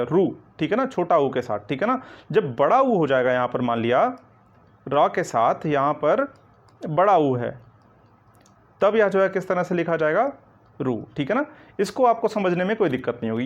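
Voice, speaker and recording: In an online coaching lecture, a man with a fairly high voice teaches Hindi grammar step by step. He keeps checking in by repeating "ठीक है ना" and asks questions back, then answers them himself. The audio is dull and lo-fi.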